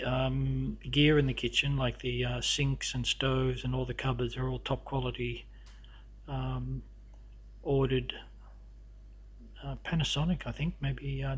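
A man with a husky voice leads a casual home tour, stopping and restarting his sentences as he goes from room to room. The sound is dull and lo-fi, caught on the camera's built-in microphone. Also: mid-range voice. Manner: halting, with many fillers and restarts. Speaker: homeowner giving a house tour. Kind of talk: casual narrated walkthrough. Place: inside a house, walking room to room.

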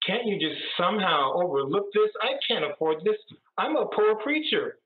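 Casting: a man playing a begging priest in a joke, raised pitch, phone-thin echoey sound. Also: expressive, moderate pace. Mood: pleading. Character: pleading poor male priest pulled over. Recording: echoey, tinny video-call audio.

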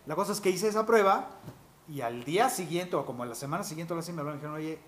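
The speaker is a man, a voice actor who races through his anecdotes with a fairly high voice. He leans on fillers like "este" as he recounts his career in an interview. Faint ambient noise sits under the recording. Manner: animated, quick anecdotal storytelling with fillers like "este". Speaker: voice actor guest. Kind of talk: interview storytelling.

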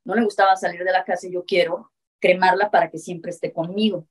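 Woman, animal rescuer, talk show guest, animated storytelling, fairly low voice. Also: a little fast, husky. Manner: animated storytelling, acts out quoted dialogue.

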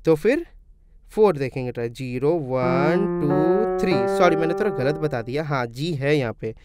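A man's voice: on the high side, lively intonation, normal speed. A man teaching music theory step by step in a casual tutorial, asking and answering his own questions and calling viewers brother. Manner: calls viewers "brother" in friendly chat. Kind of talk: casual screen-recorded tutorial.

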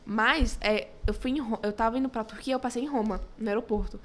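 A young woman with an Acre Brazilian accent, guest on a podcast, telling stories in a giggly, animated way. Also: a little high, fairly quick. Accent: Acre Brazilian Portuguese. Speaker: podcast guest, food creator. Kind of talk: casual podcast chat. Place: small podcast studio.

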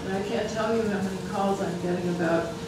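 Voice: medium pitch, fairly even intonation. A speaker presenting data at a health planning council meeting, often restarting sentences. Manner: halting, many restarts. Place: large meeting room. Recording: echoey room from far off, noisy.

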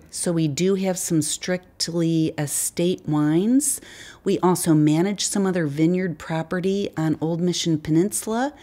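Low-voiced woman explaining her winery. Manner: relaxed, conversational, frequent fillers. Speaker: winery wine specialist. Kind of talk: sit-down interview answers. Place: indoor winery tasting room.

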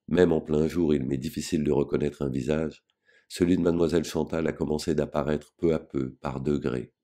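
A man reading a novel aloud as an audiobook in a measured, grave first-person narration. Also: rumbling low, warm tone. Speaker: audiobook reader.

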